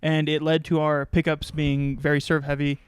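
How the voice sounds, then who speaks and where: Easygoing young man, higher smooth voice. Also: monotone, no room sound. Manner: easygoing, agreeable, quick to laugh. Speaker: podcast guest. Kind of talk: casual chat.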